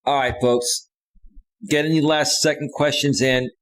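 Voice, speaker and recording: Poor audio captures a livestream host with a medium pitch and fairly even intonation, taking his time as he talks. He improvises casually, using slang and pressing his point at viewers again and again.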